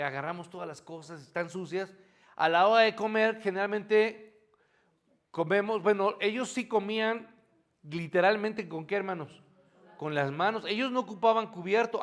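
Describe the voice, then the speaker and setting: Preacher guy w a high voice, keeps asking the church questions n answering them, chatty sermon. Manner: lively, asks the congregation questions and answers them, folksy asides. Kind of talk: morning sermon, conversational teaching.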